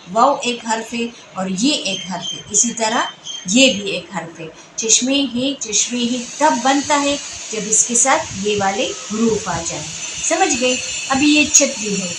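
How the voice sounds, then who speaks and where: A woman teacher with a fairly high voice explains letters slowly and patiently, sounding out each one again and again. The room gives her voice a clear echo, and a steady hiss of background noise sits under it. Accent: Pakistani Urdu. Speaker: Urdu teacher. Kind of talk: classroom-style explanation to students.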